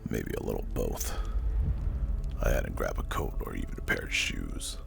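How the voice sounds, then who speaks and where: A man narrating a scripted first-person horror story as hushed ASMR, with a breathy, gravelly, spooky delivery. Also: a bass voice. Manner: slow, hushed, deliberate and spooky. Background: music.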